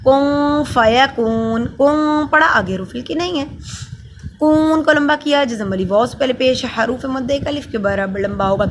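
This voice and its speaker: A woman teaching tajweed, who first recites verses slowly and melodiously and then explains the pronunciation of each letter in a soft, steady voice. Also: high-pitched, slight background noise.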